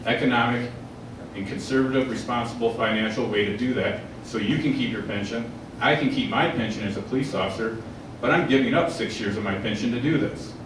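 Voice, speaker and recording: A man's voice: mid-range voice, fairly quick, noisy background. A man in his forties, a candidate answering questions at a public forum in a plain-spoken, earnest way, heard from far off in a large echoey hall. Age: 40s. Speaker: political candidate.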